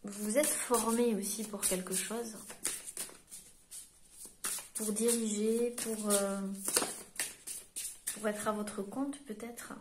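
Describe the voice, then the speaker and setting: French woman, medium, card-reading guidance, halting delivery, searching for words, middle pitch. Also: fairly even intonation, noisy background. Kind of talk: tarot-style guidance reading to camera.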